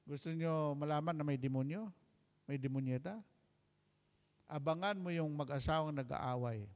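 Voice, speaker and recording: A man's voice: a little high, moderate pace, darkish tone. A man preaching a healing sermon, mixing English and Tagalog with jokes and repeated calls for an amen. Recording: long hall reverb.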